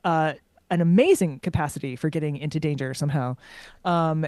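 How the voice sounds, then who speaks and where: A woman's voice: sits low, brisk, a little mellow, dry recording. Rambling woman author, dry close sound. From United States. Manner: rambling, self-interrupting, frequent restarts. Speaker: author guest. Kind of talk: casual interview answers.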